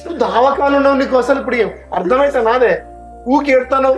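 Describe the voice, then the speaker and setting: A man's voice: very high voice, fast, music in the background. An actor playing a village brother who reassures and chides his sister, with a Telangana accent. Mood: reassuring. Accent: Telangana Telugu. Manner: reassuring, chiding. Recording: echoey, dull sound.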